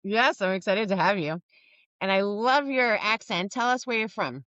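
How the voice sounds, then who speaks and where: A woman's voice: medium pitch, lively intonation, normal speed, fairly bright tone, no echo, muffled recording. A woman with a Boston accent hosting an interview, giving short friendly prompts. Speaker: podcast host. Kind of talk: casual interview conversation.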